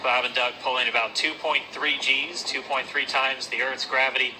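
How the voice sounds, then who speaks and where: A man giving live launch commentary in a measured, explanatory way as a webcast host. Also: medium pitch, little pitch movement, bright, forceful tone, a little hiss or hum, poor audio.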